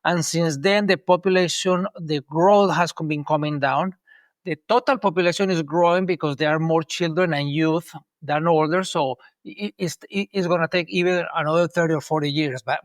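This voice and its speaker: A man's voice: on the high side, moderate pace, no echo. A man from Colombia in his sixties, answering interview questions in a rambling way with many ums and restarts. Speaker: guest, urban planner.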